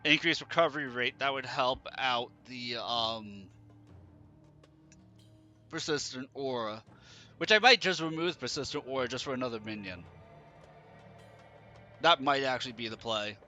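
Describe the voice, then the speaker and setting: Bright, forceful man streaming a video game. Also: mid-range voice, measured pace, pauses often, soft background music. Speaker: livestream gamer host. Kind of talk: gaming commentary, thinking aloud.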